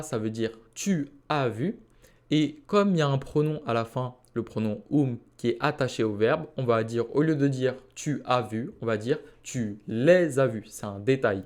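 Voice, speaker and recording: A man teaching a Quranic Arabic lesson, patiently explaining and reciting Arabic phrases slowly. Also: medium pitch, darkish tone.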